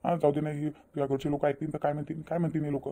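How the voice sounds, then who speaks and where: In this cartoon, a man plays a sly, cheating husband who talks his way out of trouble. His voice is dark and mellow, yet he rattles along quickly and a bit high. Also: flat delivery, slight background noise, lightly acted. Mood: evasive. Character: sly cheating husband, caught between wife and lover. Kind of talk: cartoon voice acting.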